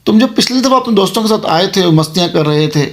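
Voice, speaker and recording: A man's voice: sits high, expressive, fast. A man voicing the female ghost of a haunted mansion, speaking in a solemn, warning tone as part of a told horror story.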